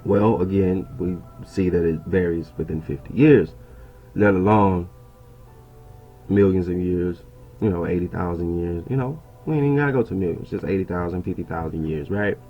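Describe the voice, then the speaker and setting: A man with a fairly low voice reads from an article and breaks off to comment on it, talking to his listeners like friends. He keeps checking in with "right?" in a loose, chatty manner. Soft music plays faintly behind him. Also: normal speed, breathy edge, dull audio. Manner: conversational, keeps asking "right?" and calling listeners "bro". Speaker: host reading and commenting on an article. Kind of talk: casual commentary while reading aloud. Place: indoors at a laptop.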